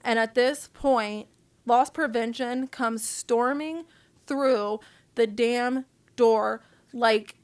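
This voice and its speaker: A woman's voice: a little high, drawn-out words, clear, resonant tone. A woman guest on a podcast, telling her own story in a candid, casual and profane way.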